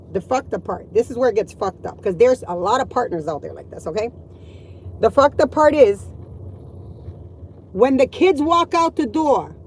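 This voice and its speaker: Middle-aged mom vlogger, slightly high voice, blunt and foul-mouthed, exasperated rant; faint background hum. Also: female voice, poor audio. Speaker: mother venting to viewers. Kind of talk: ranting vlog monologue.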